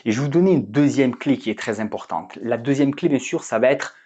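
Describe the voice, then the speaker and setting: A man's voice: mid-range voice, expressive, fairly quick, warm tone. A man teaching pronunciation in a casual video lesson, talking conversationally and often checking in with his viewers.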